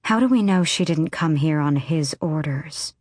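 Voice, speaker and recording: A woman's voice: sits low, moderate pace, dry recording, studio quality. A woman voicing a cold, grave young guard woman. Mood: cool. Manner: cool and steady.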